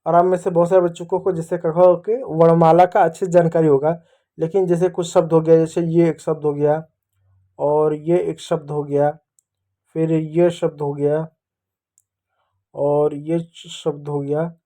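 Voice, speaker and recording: A man with a high, mellow voice gives a beginner reading lesson for children. He talks patiently and repeats sounds one at a time so the kids can follow. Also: little pitch movement, measured pace. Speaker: teacher.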